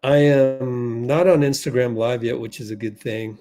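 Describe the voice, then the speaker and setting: At normal speed and with a steady, dark mid-range tone, a man runs a fan livestream. He does play-by-play but keeps wandering into his tech troubles, sounding flustered, leaning on fillers, and talking himself through the fixes.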